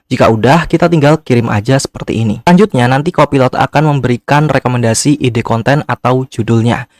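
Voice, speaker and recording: A man's voice: medium pitch, a little fast, dry recording, studio quality. A man narrating a casual step-by-step screen tutorial, speaking informally and directly to viewers. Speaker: tutorial host.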